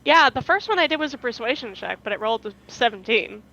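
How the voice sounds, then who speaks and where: A woman's voice: fairly high pitch, expressive, quick pace, creaky, a crowd in the background. A woman playing a tabletop game over a voice call, talking bluntly and swearing casually. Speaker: player. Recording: dull lo-fi call audio.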